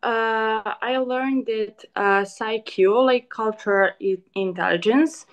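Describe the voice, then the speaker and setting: A fairly high-pitched woman from Serbia, a former master's student and business owner, answers a question in a panel interview. Her speech is slow and hesitant, broken by many "uh" pauses.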